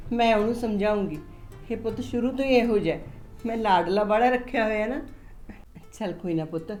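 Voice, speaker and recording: An actress playing a caring mother-in-law who gently soothes her daughter-in-law in a village family drama. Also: medium pitch, close to an everyday voice.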